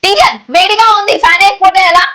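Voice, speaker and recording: A woman playing a sharp-tongued schoolteacher who mocks and argues with her rival. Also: very high-pitched, steady tone, fast, slight background noise. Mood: scolding. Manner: sarcastic, mocking retorts. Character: sharp-tongued young female teacher, mocking rival. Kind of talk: comedy sketch acting.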